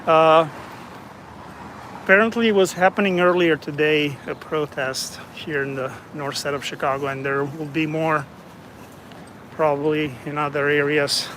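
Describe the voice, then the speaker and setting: A man from Romania casually narrating a walking tour of city streets as an independent reporter, chatty and relaxed. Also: on the high side, unhurried. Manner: relaxed, chatty, remarks on passersby. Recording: outdoor street noise behind.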